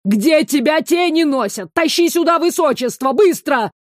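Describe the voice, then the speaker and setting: A woman voicing a gruff male boss yelling orders over a phone in an audiobook. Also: on the high side, normal speed, no echo, clean studio sound. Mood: angry yelling. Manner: shouting, barking orders.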